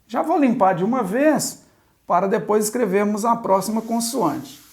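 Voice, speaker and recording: A woman's voice: medium pitch, lively intonation, normal speed, darkish tone. A woman teaching a language lesson at a board, spelling out sounds one at a time and asking the viewer to repeat after her. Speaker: Hebrew teacher. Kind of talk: slow, patient board lesson.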